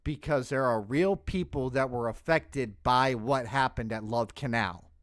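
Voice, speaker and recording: A man's voice: mid-range voice, measured pace, a bit bright, no echo, studio quality. A man hosting a stream, reacting to a video in a blunt, profane casual rant that often breaks off mid-word. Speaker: streamer host.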